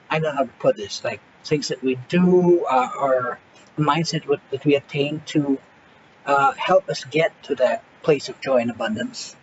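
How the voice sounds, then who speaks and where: An interviewer asking questions in a casual, hesitant way. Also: medium pitch. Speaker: interviewer host. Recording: lo-fi audio with clear background noise.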